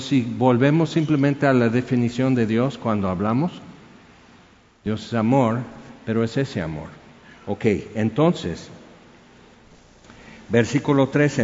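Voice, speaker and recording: A man's voice: medium pitch, darkish tone. A man preaching a conversational sermon that is full of rhetorical questions. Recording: dull sound with long hall reverb.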